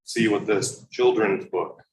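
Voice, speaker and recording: Very deep-voiced man on an echoey meeting-room recording. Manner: halting and earnest, many fillers. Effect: official meeting-room recording, like a courtroom tape. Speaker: parent speaking at public comment. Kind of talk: public comment at a board meeting. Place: public board meeting room. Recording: roomy hall recording from far off with faint background noise.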